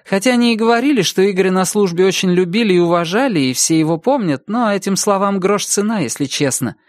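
A guarded, doubtful woman, as a male reader puts her on. Her voice climbs higher and swings widely. The sound is dry and close. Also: animated, fast, dry recording. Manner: doubtful, defensive, raised voice. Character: wary middle-aged woman, widow of sorts, guarded. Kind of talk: audiobook character voice.

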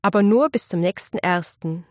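A woman's voice: medium pitch, normal speed, no echo, close to an everyday voice. A bossy, self-assured eldest brother, voiced by a woman reading a storybook, firm and matter-of-fact in every sentence. The read is dry and close, with a mid-range voice. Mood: stern.

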